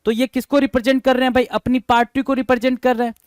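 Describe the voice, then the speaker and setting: A man's voice: very high-pitched, flat delivery, rapid-fire, clear, resonant tone, dry recording. A man teaching an exam-prep vocabulary lesson, repeating each word, spelling it out letter by letter and checking in with students through rhetorical questions.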